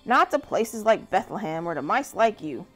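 A woman's voice: mid-range voice, sing-song, moderate pace, fairly bright tone, soft background music. A woman voicing a cranky, sulking male goat who grumbles and snaps. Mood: grumpy. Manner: grumbling and snappish.

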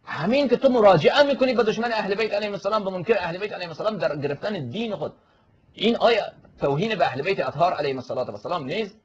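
A male cleric giving a forceful, polemical religious lecture, answering a questioner and quoting Arabic scripture. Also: high voice, lively intonation, husky, lo-fi sound.

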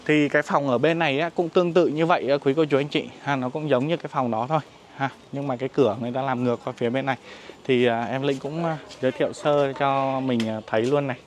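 A man's voice: medium pitch, steady tone, quick pace, slight background noise. A man giving a walking property tour of a riverside resort outdoors, speaking politely and deferentially to his viewers with frequent fillers, filmed on a handheld phone. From Vietnam. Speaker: real estate agent giving a property tour.

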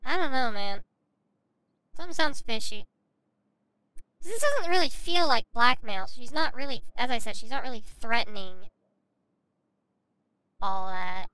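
A woman's voice: a little high, lively intonation, a little slow, long pauses, pushed and bright, clean tone, no echo, poor audio. A woman streamer giving casual gameplay commentary, sarcastic and swearing freely.

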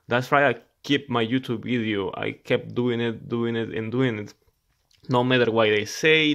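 A Salvadoran man in his thirties speaks at an everyday pitch, his Spanish accent clear in each phrase. He talks earnestly to his viewers as a mechanic, keeping his sentences simple and often starting them again. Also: a bit bright. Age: 30s. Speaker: mechanic YouTuber. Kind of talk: casual talk to camera. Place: indoors at a laptop.

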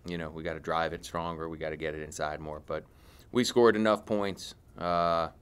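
Speaking smoothly in a very deep, fairly even voice at normal speed, a middle-aged male head basketball coach handles postgame press conference questions. He's blunt, often circling back and restarting his phrases in the press room.

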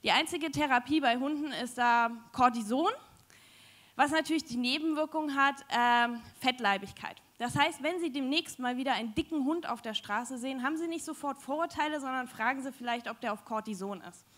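High-voiced young woman on stage. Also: brisk, a bit bright. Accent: German. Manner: chatty, joking, many fillers. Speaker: science slam speaker. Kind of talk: live stage science talk. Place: large dim hall with audience. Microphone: handheld mic.

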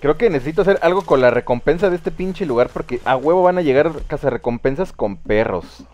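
Young Mexican male streamer, slightly raised voice, loose and excitable, swears freely while he plays. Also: fairly high pitch, fairly quick, highs cut off. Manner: casual, excitable, swears freely, talks to chat. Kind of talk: live gameplay commentary.

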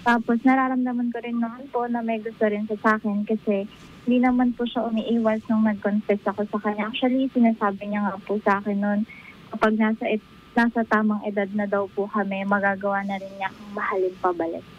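A woman's voice: mid-range voice, brisk. A woman in her twenties from Bulacan, calling in to a radio show and politely telling a personal story. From Bulacan, Philippines. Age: 20s. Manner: polite, uses po, steady storytelling. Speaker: caller. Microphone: phone line. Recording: dull phone line on air with music.

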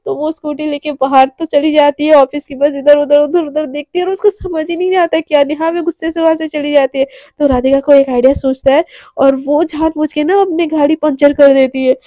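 A woman's voice: high-pitched, steady tone, fairly quick, warm tone, no echo. A woman narrating a romance story casually, chatty and full of fillers. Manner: chatty, with many fillers and restarts.

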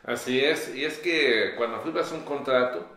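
A young man co-hosting a gossip show, explaining in a measured way with "eh" fillers in a small studio. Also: medium pitch, pushed and bright. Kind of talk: casual gossip chat. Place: small studio on a pink sofa. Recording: roomy echo.

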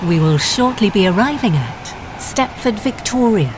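A woman giving automated onboard train announcements in a slow, polite, formal manner. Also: medium pitch, expressive, heavy background noise. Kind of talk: recorded public announcement.

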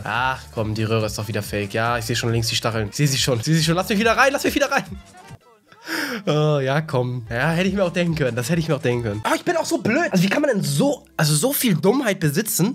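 A man doing excitable let's-play commentary, shouting and wailing when he fails, sometimes singing his words, talking straight to his viewers. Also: on the high side, quick pace, faint music behind. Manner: excitable, shouts and wails at failures, playful sing-song bits; talks straight to viewers as "Leute". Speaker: gaming YouTuber.

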